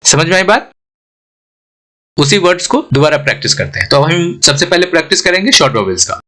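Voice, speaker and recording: A man teaching pronunciation, repeating each word and spelling it out letter by letter, often stopping to ask if it is clear. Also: a little high, very animated, pushed and bright. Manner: repeats words slowly, spells them letter by letter; asks the learner rhetorical checks. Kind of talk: explaining and drilling words.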